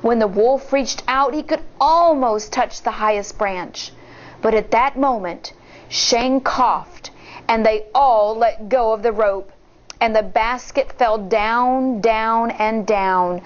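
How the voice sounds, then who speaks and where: Reading a storybook to a group of children, a teacher with a fairly high voice takes it slowly and expressively, pausing to add remarks. The audio has its high frequencies cut off.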